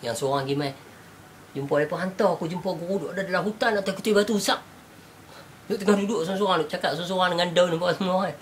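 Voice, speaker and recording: A man's voice: high voice, rapid-fire. A man with a Northern Malaysian Malay accent talks through a teaching tale in a casual chat. He voices the people in the story and laughs easily. Faint background noise sits under his voice. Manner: animated storyteller, acts out quotes, laughs often.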